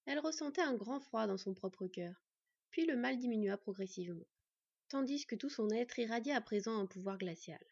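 A woman reading a fantasy novel aloud in an expressive storytelling way, in a dull, dry recording. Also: a little high, normal speed, vocal fry, breathy edge, dry recording. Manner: expressive storytelling, acting out the characters. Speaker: audiobook narrator.

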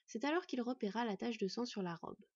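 A woman reading a fantasy storybook aloud in measured, gentle narration. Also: a little high, lively intonation, slightly rough, dry recording, muffled recording. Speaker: audiobook narrator.

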